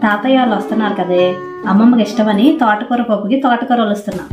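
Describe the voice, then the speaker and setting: A woman's voice: medium pitch, quick pace. A middle-aged woman plays a mother in a scripted family skit, scolding and lecturing at length. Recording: roomy, dull home recording with music underneath.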